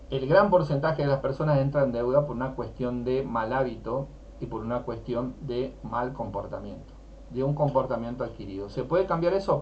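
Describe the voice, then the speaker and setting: Rioplatense guy teaching money stuff, sore throat, punchy rhetorical questions, dull lo-fi sound. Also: medium pitch. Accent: Rioplatense Spanish. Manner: emphatic, asks rhetorical questions. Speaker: personal finance teacher. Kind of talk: teaching talk. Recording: dull lo-fi with faint noise.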